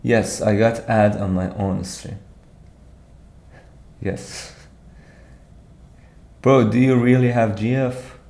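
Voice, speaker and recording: Sitting at his computer on a live stream, a young man from Iran explains contest solutions in a relaxed, hesitant way, frequently restarting sentences and laughing while he reads chat. He speaks slowly with long pauses, in a fairly low, gravelly and warm voice.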